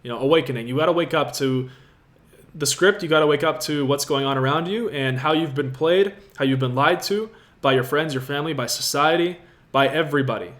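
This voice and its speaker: Speaking a little fast, a man with a fairly bright, highish voice hosts a casual livestream Q&A. He's in his twenties, from Latvia, and sits in an apartment room with a city view, addressing viewers directly in an upbeat, motivational tone.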